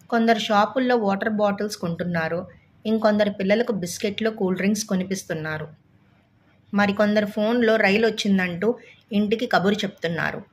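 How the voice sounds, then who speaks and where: Woman reading a story aloud. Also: medium pitch. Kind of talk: audiobook story narration.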